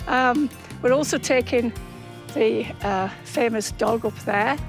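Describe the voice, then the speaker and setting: A woman in her seventies with a Cumbrian accent, talking casually to camera with halting pauses. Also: fairly high pitch. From Cumbria, England. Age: 70s. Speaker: animal rescue charity founder. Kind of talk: casual documentary interview. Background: music.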